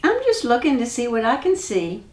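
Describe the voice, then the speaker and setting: A woman's voice: on the high side, wildly swooping pitch, moderate pace, a little mellow, reverberant. A woman voicing a sly, clever young country man who talks in a folksy drawl.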